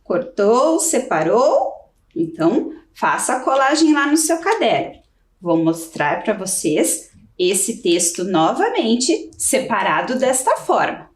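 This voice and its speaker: Slow and sing-song, a fairly high-voiced Brazilian woman walks children through a video lesson step by step with patience. She's a primary school teacher with a Brazilian Portuguese accent, and the sound is roomy, picked up away from the mic.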